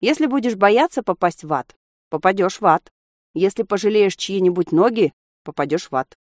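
A woman's voice: mid-range voice, animated, moderate pace, a little mellow, dry recording, studio quality, natural voice. A woman narrator voicing a blunt young woman who lectures emphatically, raising her voice for the figure. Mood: lecturing. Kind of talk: audiobook character voice.

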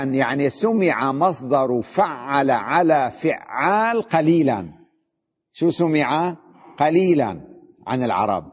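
A man teaching a grammar lesson as a sheikh, reading a text aloud and then explaining it, often checking that his students follow. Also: fairly high pitch. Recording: dull lo-fi recording in a reverberant hall.

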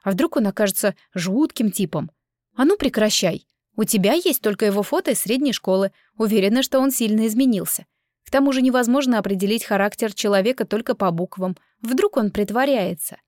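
A woman's voice: medium pitch, fairly quick, a little mellow, no room sound, studio quality, close to an everyday voice. A woman voicing a caring, blunt schoolgirl friend in a storybook reading. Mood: skeptical. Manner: chatty, worried, blunt.

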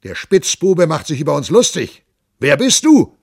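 Man playing a gruff robber captain, sneering, husky, dry sound. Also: mid-range voice, animated, slow pace, dry recording, heavily acted.

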